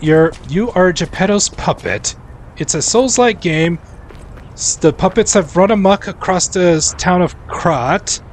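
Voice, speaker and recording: Animated forty-something man streaming games. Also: a little high, slight background noise. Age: 40s. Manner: rambling, animated, restarts often. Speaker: game streamer. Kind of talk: casual live-stream chat while gaming.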